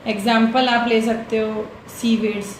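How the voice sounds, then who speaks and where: A young adult woman teaches biology in a bilingual classroom, explaining step by step, mixing in English terms, often checking that students follow and having them repeat terms after her. Her voice is fairly high, flat and measured, in an echoey room with faint background noise.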